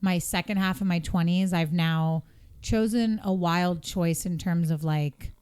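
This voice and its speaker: A woman's voice: on the low side, measured pace, clear, resonant tone. A woman in her twenties, a podcast co-host in casual chat, telling stories with acted-out quotes. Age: 20s. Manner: animated storytelling, acts out quotes.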